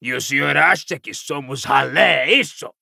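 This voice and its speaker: A man voicing a coarse, hostile old father in an audiobook, snarling and mocking in slow, menacing speech. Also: mid-range voice, animated, creaky, bright, forceful tone, slightly rough, no echo, studio quality, full character voice. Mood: contemptuous.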